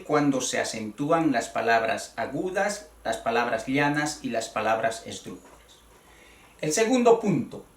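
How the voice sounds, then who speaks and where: A man teaching a grammar lesson, slow and deliberate, repeating key words as he explains. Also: fairly high pitch, distant mic. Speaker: Spanish teacher. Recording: roomy sound from away from the mic.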